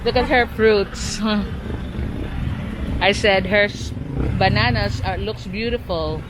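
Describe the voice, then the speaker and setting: A woman's voice: mid-range voice, takes it slowly. A woman with a Cebuano Filipino accent giving a casual walking street tour, her articulation slightly impeded by new braces. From Cebu, Philippines. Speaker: vlogger. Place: outdoors on a busy city street. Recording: noisy outdoor street with traffic.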